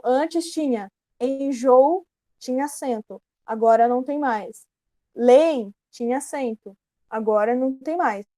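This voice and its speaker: A Brazilian woman teaching a grammar lesson in a relaxed, explanatory way, often correcting herself mid-sentence. Her voice sits a little high but sounds mellow. The recording is dry and close. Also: dry recording. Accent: Brazilian Portuguese. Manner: explanatory, casual, self-correcting.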